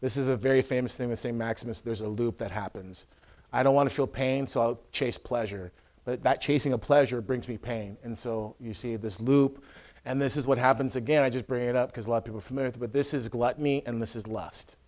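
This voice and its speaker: A man, an Orthodox priest, teaching in a conversational way, often checking that listeners follow and acting out scenes loudly. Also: mid-range voice, fairly even intonation, brisk. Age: adult with a school-age son. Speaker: Orthodox priest giving a talk.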